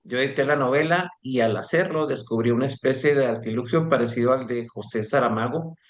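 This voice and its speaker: A man moderating an online book presentation over a video call, reading out audience questions and then chatting informally. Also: medium pitch.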